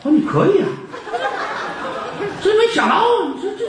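A loud, scolding county magistrate, pompous and unfair, played by a male storyteller. His voice is high and swings widely. It sounds distant, with a lot of echo and faint noise behind it. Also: big pitch swings, brisk, a crowd in the background. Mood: pleased. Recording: echoey hall from far off.

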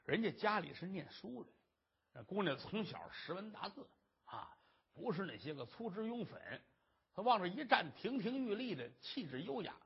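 A storyteller performing a traditional tale in an animated, dramatic manner, on a dull lo-fi recording. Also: mid-range voice, normal speed, creaky, husky.

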